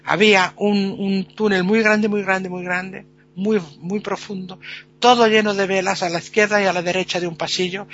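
Chatty guy telling a folk tale, highish voice, kinda lo-fi. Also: creaky. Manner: lively, chatty, with many fillers. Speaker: storyteller.

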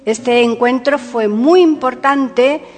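A woman hosting a podcast, reading scripted narration in a measured, formal announcing manner. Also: high-pitched. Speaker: podcast host. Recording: long reverb, music bed.

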